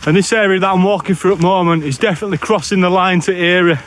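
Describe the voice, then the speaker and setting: A man's voice: high-pitched, steady tone, racing, a bit bright. A man with a Bradford, West Yorkshire accent, chatting casually and bluntly in northern dialect for a solo camping vlog. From Bradford, West Yorkshire, England. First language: English. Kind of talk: casual walking vlog chat. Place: outdoors on open moorland, walking. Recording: outdoor background noise while walking.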